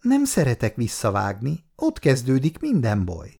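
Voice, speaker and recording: A man's voice: mid-range voice, huge pitch swings, gravelly, warm tone, voice pushed up, full character voice. A man voicing a cool, curt young woman busy with her studies.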